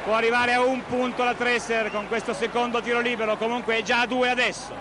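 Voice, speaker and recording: A man's voice: very high-pitched, flat delivery, fast. A man giving live television play-by-play commentary on a basketball game. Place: large indoor basketball arena. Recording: loud arena crowd, noisy old TV broadcast. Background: loud crowd and arena noise.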